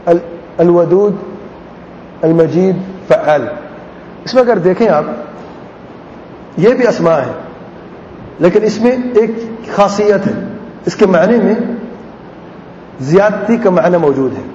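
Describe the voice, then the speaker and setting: A man's voice: lively intonation, long pauses, a little mellow. A man teaching Arabic grammar in a classroom lesson. He repeats word patterns patiently and asks questions that he then answers himself. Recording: echoey hall, dull lo-fi sound, faint rumble.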